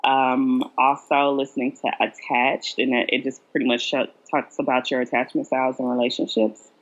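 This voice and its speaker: A woman's voice: a bass voice, little pitch movement, moderate pace. A woman chatting casually as a podcast guest, informal and hesitant as she thinks aloud. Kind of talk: casual chat. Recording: muffled lo-fi audio.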